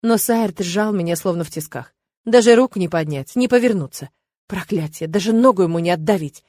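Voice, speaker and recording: A woman's voice: fairly low pitch, a little fast, no echo, studio quality. Woman narrating a first-person audiobook. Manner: steady, expressive storytelling.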